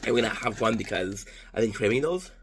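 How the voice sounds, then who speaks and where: A man's voice: fairly low pitch, animated, fairly quick, fairly bright tone, a little hiss or hum. A man in his thirties from Canada with a French Canadian accent, chatting casually and rambling through a food-tasting vlog with profanity and self-deprecating jokes. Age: 30s. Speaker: vlogger.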